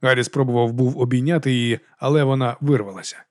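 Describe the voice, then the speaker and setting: A man reading a novel aloud as an audiobook narrator, in brisk, even storytelling. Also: medium pitch, dry recording, studio quality.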